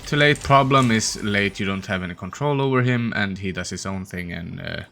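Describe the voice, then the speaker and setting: A man hosting a gaming channel, giving casual, tired, low-energy commentary as he thinks aloud while playing. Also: moderate pace, vocal fry, a bit bright, a little hiss or hum. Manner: opens with a put-on peppy intro voice.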